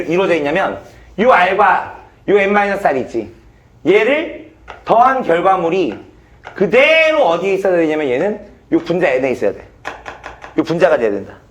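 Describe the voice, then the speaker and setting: A male math teacher giving a classroom lecture, blunt and swearing casually as he quizzes students. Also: sits high.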